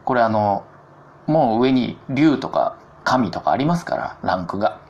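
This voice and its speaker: A man's voice: medium pitch, lively intonation, moderate pace, darkish tone, lo-fi sound. A man hosting his own solo talk show, chatty and self-mocking, with jokey asides. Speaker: podcast host.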